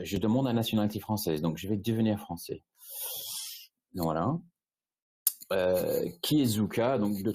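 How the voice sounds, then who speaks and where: A man from Britain speaks French with a British English accent as he walks through a presentation on a video call. His voice sits low and mellow. He stalls, repeats words and fills gaps as he searches for phrasing. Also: slightly rough. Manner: halting, many restarts and fillers. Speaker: guest speaker, e-commerce agency head. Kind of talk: webinar presentation.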